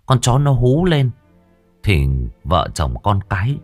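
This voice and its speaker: A man narrating a village ghost story in a lively, dramatic way, acting out the characters as he goes. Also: mid-range voice, slow, no echo, soft background music.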